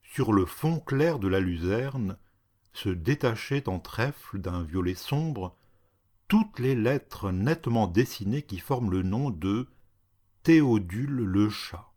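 Guy reading a story out loud, real slow, calm steady voice. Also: on the low side. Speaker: narrator.

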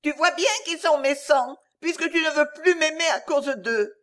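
A woman's voice: high-pitched, big pitch swings, moderate pace, fairly bright tone, voice pushed up. A woman playing Louise, a pleading little girl. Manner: pleading, childish, sobbing insistence. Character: small clingy girl, passionate and stubborn.

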